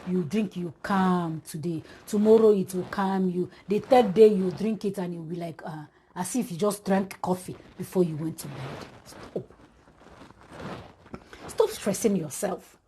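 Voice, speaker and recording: A woman's voice: lowish voice, a little slow, warm tone, a little hiss or hum. A woman preaching an exhortation, speaking straight to her listeners with emphatic repetition.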